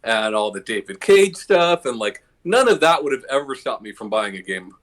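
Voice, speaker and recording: A man in his late thirties hosting a podcast, talking in a loose, rambling way and leaning on "you know" as he goes. His pitch sits in a middle range but swings around a lot. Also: big pitch swings, normal speed, a bit bright. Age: late 30s. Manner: laid-back, rambling with frequent "you know". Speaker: podcast host. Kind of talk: casual chat.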